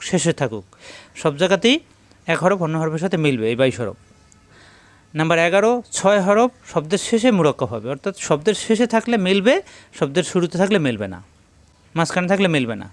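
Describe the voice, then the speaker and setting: A man teaching a Quran reading lesson, counting through the rules and slowly repeating each letter sound. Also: a little high, dry recording. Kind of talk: step-by-step recitation lesson.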